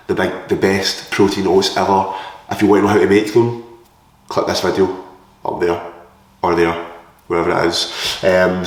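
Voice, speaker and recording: A man chatting casually in a blokey, sweary way as a fitness vlogger, recorded in an echoey room. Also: low-pitched. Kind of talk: casual vlog chat and gym tips. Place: large echoey indoor kitchen. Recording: echoey room with hard reflections.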